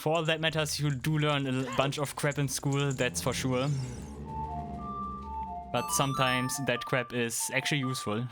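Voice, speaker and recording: Talking at normal speed with a medium-pitched voice, the German streamer in his thirties casually plays through a game while fielding chat questions and chuckling easily. Game music runs in the background.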